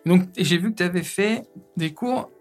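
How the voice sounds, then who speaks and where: A man hosting a casual interview, relaxed and jokey, who often stumbles over his words. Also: high-pitched, normal speed, faint music behind. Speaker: interview host.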